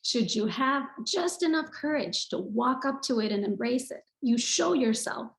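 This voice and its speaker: A woman's voice: a little high, lively intonation, normal speed, vocal fry. Earnest woman teaching in an echoey room. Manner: earnest, teacherly, repeats phrases for emphasis. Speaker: yoga speaker. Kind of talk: online talk with screen share.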